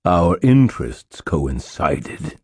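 A man voicing an enormous, ancient, inhuman island spirit that speaks in slow, flat, emphatic pronouncements. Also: deep voice, slightly rough, no room sound, clean studio sound, exaggerated voice. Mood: solemn. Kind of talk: audiobook narration.

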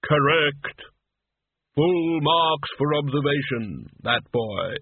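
A man voicing Death, an ancient skeleton reaper, solemn and imperious, speaking in a slow, measured, pompous way. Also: on the high side, lively intonation, breathy edge, no echo, phone-quality sound, exaggerated voice. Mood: solemn, formal.

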